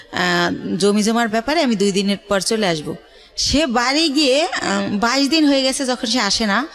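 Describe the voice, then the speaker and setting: Her voice fairly high and a bit bright, a middle-aged Bangladeshi woman recounts personal experiences on a radio interview, telling the story of her life. She speaks haltingly and pauses often.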